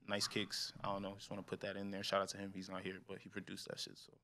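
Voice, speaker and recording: Laid-back young man with a bright voice. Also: low voice, completely flat delivery, fast. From New York. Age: 20s. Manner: laid-back, slangy, trails off quietly. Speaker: rapper guest. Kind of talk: casual interview chat.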